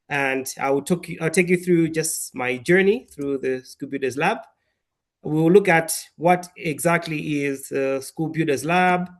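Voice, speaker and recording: A man from Malawi giving an online webinar presentation on a video call, speaking in a measured, structured way with some fillers. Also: fairly high pitch. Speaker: webinar presenter, programme alumnus.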